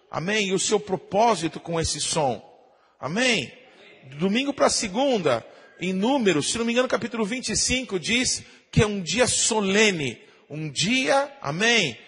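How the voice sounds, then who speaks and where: A Brazilian pastor preaching a sermon, often asking the congregation "amém?" and imitating shofar blasts. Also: male voice, high-pitched, a bit bright, slightly rough, in a large hall. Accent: Brazilian Portuguese.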